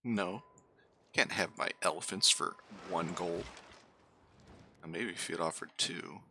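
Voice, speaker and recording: A man's voice: deep voice, measured pace, bright, forceful tone, slight background noise. A man giving casual let's-play commentary, muttering running asides to himself and his units in a wry, self-deprecating way. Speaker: gaming channel host.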